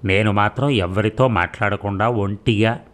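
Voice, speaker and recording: A bitter, sarcastic young wife who throws accusations back at her husband, read by a man in his own lowish voice. The storybook delivery stays steady and unhurried. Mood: bitter accusing. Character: hurt, sharp-tongued young wife.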